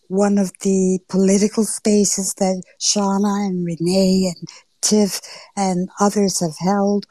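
A middle-aged woman from Georgia and New York, whose mild accent falls between Southern and Northern US without leaning strongly either way, speaks on a panel in a roundtable discussion on a live audio forum. Her mid-range voice carries an unhurried storytelling style, with drawn-out phrases and soft asides, recorded with no echo.

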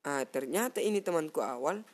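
A young man from South Sulawesi with a Makassar Indonesian accent, telling a story in casual chat on a cheap headset mic, animated and acting out sounds. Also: a little high, brisk. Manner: animated, mimics sounds and acts out friends' lines. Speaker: guest storyteller.

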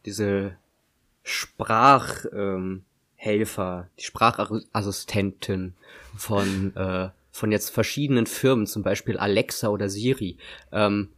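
A man's voice: on the low side, steady tone, slow pace, a bit bright. Young man, podcast co-host, casual chat, hesitant, lots of ums. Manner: hesitant, many fillers and restarts.

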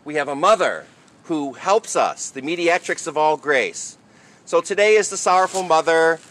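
Bright-voiced man preaching as a priest. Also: fairly high pitch, expressive, moderate pace. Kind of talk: sermon and liturgical reading at Mass.

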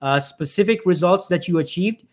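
A man with a high-pitched, slightly mellow voice speaks at a moderate pace while live streaming as a career coach. He offers emphatic advice to job seekers, often repeating himself and calling his audience "folks," and frequently restarts or fills with "uh."

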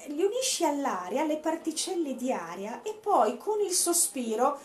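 A woman leading a guided breathing meditation as an instructor, speaking in a deliberate, instructive way with pauses. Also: sits high, sing-song. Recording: echoey room, faint background noise.

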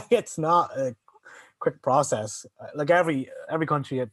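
A man's voice: fairly high pitch, normal speed, fairly bright tone, no echo. A man in a casual chat, rambling with lots of fillers and restarts.

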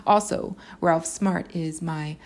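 A woman's voice: low voice, fairly even intonation, slow. A woman hosting her own podcast, talking through her thoughts in a musing, spiritual and playful way. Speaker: podcast host. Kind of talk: reflective solo podcast monologue.

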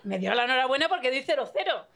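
A woman's voice: high voice, lively intonation, very fast, vocal fry, fairly bright tone. Chatty woman telling an anecdote. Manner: chatty, storytelling with quoted dialogue. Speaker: audience member telling a story. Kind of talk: casual anecdote.

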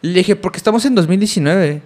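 Fast-talking young Mexican man, higher voice. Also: a little mellow. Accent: Mexican Spanish. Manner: rambling storytelling, many fillers and restarts. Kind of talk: casual chat.

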